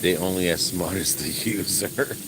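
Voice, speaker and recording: Low-voiced chatty man outdoors. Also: normal speed, background noise. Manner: rambling, chatty, laughs often, folksy. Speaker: vlogger. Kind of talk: casual live-stream chat while gardening. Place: outdoors in a garden.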